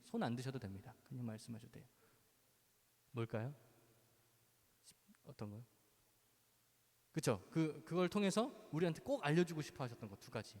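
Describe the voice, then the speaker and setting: A man's voice: a little high, a little mellow. A man preaching to a youth group at church. He talks playfully, acts out quoted lines and asks the kids questions. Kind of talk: sermon to teenagers. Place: church hall. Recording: reverberant church hall.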